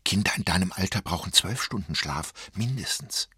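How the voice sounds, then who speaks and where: A man voicing a tired, no-nonsense mother who is a doctor, firm and hushed. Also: low-pitched, lively intonation, normal speed, husky, dry recording, clean studio sound, heavily acted.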